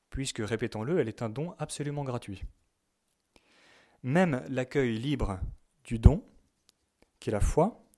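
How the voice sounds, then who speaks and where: A man giving a religious teaching to young people, speaking in a measured way and stressing key words, sometimes reading quotations aloud. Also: mid-range voice, darkish tone. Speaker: teacher at a youth retreat.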